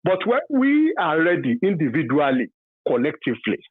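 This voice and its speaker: A man in his fifties from Nigeria with a Yoruba accent, calling in to a radio talk show to give his opinion, halting and full of fillers, then emphatic. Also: a little high, wildly swooping pitch, slightly rough, no room sound. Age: 50s. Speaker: caller. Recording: dry tinny phone line.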